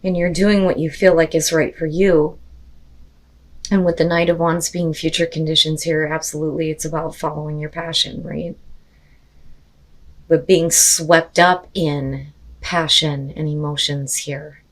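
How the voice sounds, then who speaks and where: A woman, slightly hoarse from losing her voice, doing a casual tarot card reading, chatty and full of "you know" and "like" fillers. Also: low-pitched, little pitch movement, unhurried. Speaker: tarot reader.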